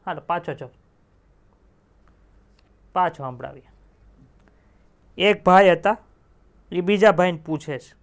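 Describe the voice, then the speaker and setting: A man's voice: sits high, slow pace, pauses often. A young male teacher, giving an online exam-prep lecture in a chatty way, telling jokes and quizzing students with rhetorical questions.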